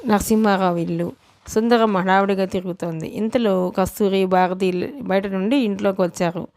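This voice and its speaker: A woman's voice: mid-range voice, steady tone, brisk, darkish tone, no echo. A woman reading a novel aloud as an audiobook narrator, telling the story steadily and lightly acting the dialogue. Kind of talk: dramatic novel reading, voicing all characters.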